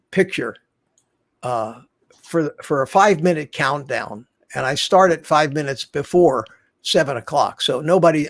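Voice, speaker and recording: Speaking into a desk mic in his home studio, a man in his seventies hosts a casual livestream. His voice is a little high with no room sound, and he rambles chattily, often restarting his sentences.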